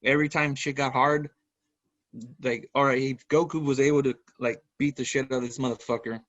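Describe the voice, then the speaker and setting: A man hosting a podcast, telling stories in a lively, casual way and swearing freely. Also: mid-range voice, a little fast, no echo, muffled recording. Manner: animated storyteller, swears freely. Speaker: podcast host. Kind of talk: casual chat.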